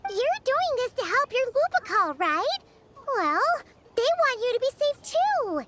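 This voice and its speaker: Brief: game sidekick, tiny bossy fairy, extremely high squeaky pitch, animated, perky, music behind. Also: female voice, measured pace, exaggerated voice. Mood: encouraging. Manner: chirpy, excitable, speaks of herself by name. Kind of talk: video game voice acting.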